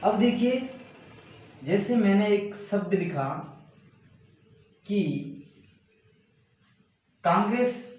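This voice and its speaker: A male teacher giving a grammar lesson, slowly repeating and stressing key words. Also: high voice, expressive, darkish tone. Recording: very echoey room.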